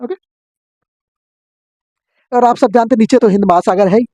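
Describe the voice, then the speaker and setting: A man teaching an exam-prep geography lesson, drilling his students with quick questions and answers. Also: sits high, a little mellow, no room sound.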